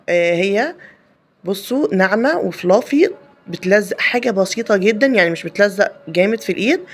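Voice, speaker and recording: Fast, chatty Egyptian woman cooking host. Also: mid-range voice. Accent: Egyptian Arabic. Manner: chatty and explanatory, many fillers and restarts. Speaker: home cooking channel host. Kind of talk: casual cooking tutorial voice-over.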